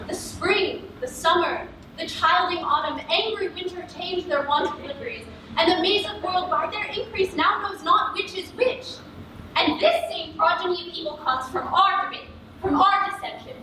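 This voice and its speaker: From far off in an echoey space comes an actress as a proud, angry fairy queen. She declaims in hammy Shakespearean stage style, her voice high and bright. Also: exaggerated voice. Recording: distant echoey stage capture with faint noise.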